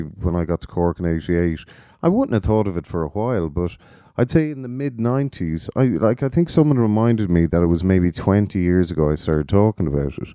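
A man's voice: low-pitched, warm tone, no room sound, clean studio sound. A middle-aged man with a west of Ireland accent, talking casually and ramblingly as a podcast guest, often interrupting himself. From Galway, west of Ireland. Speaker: interview guest, festival organiser.

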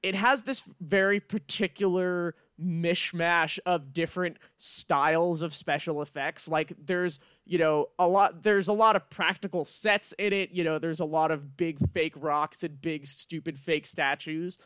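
A young man with a fairly high, clean voice chats casually as a podcast co-host. He is irreverent and free with swearing, and the sound is close and dry. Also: steady tone, measured pace, hardly any pauses, fairly bright tone, clear, resonant tone, no room sound. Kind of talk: casual chat about a film.

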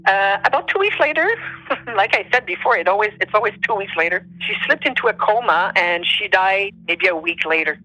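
Bright-voiced non-native English-speaking woman, searching for words. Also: medium pitch, expressive, brisk, no echo, low-quality recording. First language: not English. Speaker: interview guest telling personal stories. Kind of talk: personal storytelling, conversational.

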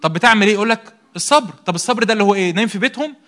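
Fast, bright Egyptian man preaching. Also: high voice. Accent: Egyptian Arabic. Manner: rhetorical questions answered by himself, emphatic repetition. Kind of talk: sermon.

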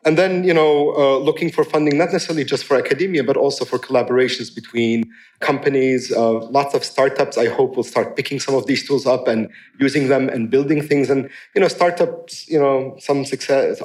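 Before an audience in a lecture room, a man gives an academic conference talk in a medium-pitched voice. He is animated, sprinkles in plenty of "you know" fillers and adds wry humor.

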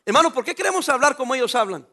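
High, bright-voiced pastor preaching. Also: male voice, expressive, very fast. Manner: emphatic preaching, rhetorical questions to the congregation. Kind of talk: sermon.

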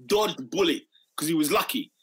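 A man with a London accent banters casually about football. His voice is fairly high, husky and very animated. He leans on slang and repeats phrases to land his point. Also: moderate pace. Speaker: football podcast panellist.

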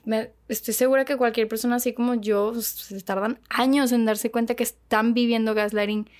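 A woman's voice: a little high, fairly even intonation, moderate pace, a little mellow. A woman with a Mexican accent in casual chat, candid and blunt, telling a personal story and swearing.

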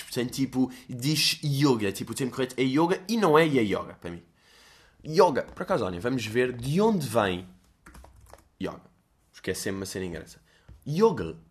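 He's a young podcast host with a European Portuguese accent and a mid-range voice. On his casual solo show, he rambles, jokes at his own expense, and swears plenty.

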